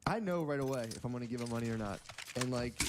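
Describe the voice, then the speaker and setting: Fast-talking crude man over gunfire. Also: mid-range voice. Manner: fast, crude, laughing storyteller. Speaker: streamer. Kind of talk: casual chat. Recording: loud gunfire noise behind.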